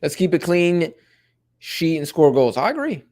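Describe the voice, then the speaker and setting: Young male streamer, relaxed chatty host who perks up at big plays. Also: on the high side, unhurried. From Mexico-supporting fan. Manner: laid-back, chatty, bursts of excitement at plays. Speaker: watch-along host. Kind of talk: casual live commentary and chat reading.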